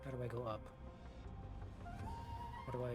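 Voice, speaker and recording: With video game music playing behind him, a game streamer gives casual playthrough commentary, thinking aloud in an informal, sweary way and reading on-screen text. His voice is medium-pitched and level, at a normal speed.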